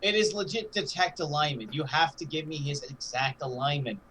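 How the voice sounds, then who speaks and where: A man's voice: fairly high pitch, brisk, a bit bright, a little hiss or hum, poor audio. Insistent man at the game table. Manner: insistent, pressing questions. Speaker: player.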